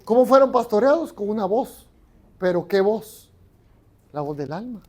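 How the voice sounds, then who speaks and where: Conversational Mexican pastor preaching. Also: male voice, sits high, lively intonation, moderate pace, darkish tone. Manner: conversational, asks the congregation questions. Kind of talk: sermon. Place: church.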